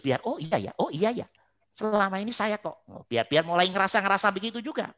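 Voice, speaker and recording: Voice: medium pitch, bright, forceful tone. A religious teacher, giving an online study lecture in emphatic, repeating rhetorical lines and putting questions to the listeners.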